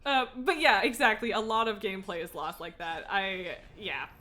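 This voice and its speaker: Faint music plays behind a woman who hosts a video game livestream, talking at a moderate pace in a sharp-toned, mid-range voice. Her gameplay chat is loose and informal, full of thinking aloud, jumps from one thought to the next, and self-mocking humor.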